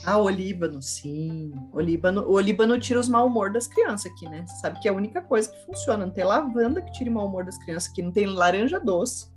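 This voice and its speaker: A woman's voice: mid-range voice, animated, fast talker, few pauses, a little mellow, soft background music. A woman co-hosting a casual chat, telling family stories with a playful, laughing manner. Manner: storytelling, playful, laughs often. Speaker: podcast co-host, mother.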